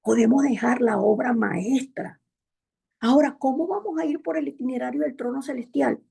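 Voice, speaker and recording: At a church in Montreal, a woman preacher gives a Sunday sermon with an emphatic, repetitive cadence, often calling the congregation brethren. Her voice is high-pitched, creaky, warm and husky, at a moderate pace.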